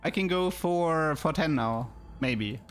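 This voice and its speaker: A man's voice: fairly high pitch, expressive, slow, a bit bright. German-accented male streamer over music. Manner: thinks aloud, repeats words. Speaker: game streamer. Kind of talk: casual live gameplay commentary and chat.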